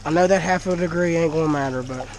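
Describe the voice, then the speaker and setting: On a low-quality recording with a little hiss or hum, a man with a highish voice talks fast through a blocked nose. He's a folksy, chatty fish vlogger speaking casually to the action camera he wears while filming his tank in a dim cinder-block shed.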